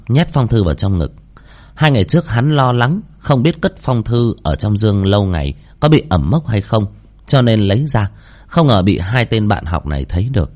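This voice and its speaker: A man narrating a novel as an audiobook, expressive in his storytelling. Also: lowish voice.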